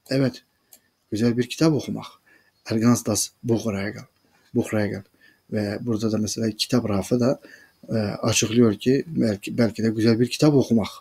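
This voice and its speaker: Husky man reading and translating a story. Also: on the low side, a little mellow. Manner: addresses listeners as friends, explains each sentence. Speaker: German language teacher reading a story. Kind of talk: reading a German story aloud and translating it line by line.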